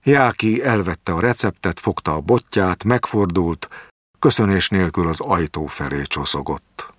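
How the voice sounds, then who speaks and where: A man narrating a literary short story in a measured, expressive way. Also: sits low, no room sound, clean studio sound.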